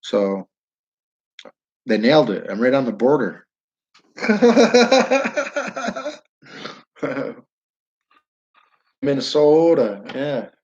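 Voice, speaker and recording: Broadcasting a casual livestream from his downtown building, a man with a northern New York accent rambles, restarts sentences and speaks to viewers by name. His medium-pitched voice has a darkish tone and huge pitch swings, and he talks extremely slowly with long pauses. The highs are cut off.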